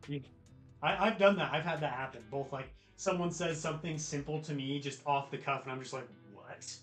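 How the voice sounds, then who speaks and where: With guitar music behind him and a roomy echo, an American man talks casually and slangily with his livestream viewers. His fairly high, slightly bright voice moves fairly quickly.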